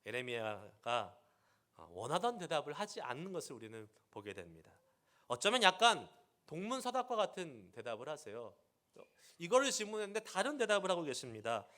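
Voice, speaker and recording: A male pastor preaching a sermon, acting out quoted speech with dramatic shifts between loud and soft. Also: a little high, sing-song, brisk. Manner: dynamic preaching, voicing God's words in dramatic quotes.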